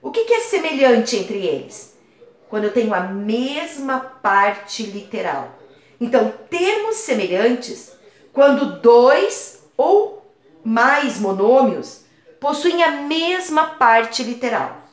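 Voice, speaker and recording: A woman math teacher talks a class through a lesson, patiently and with everyday comparisons. Her voice is a little high and lively, rising and falling a lot. The sound carries a clear room echo. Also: slow. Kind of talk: explaining algebra lesson. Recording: echoey room.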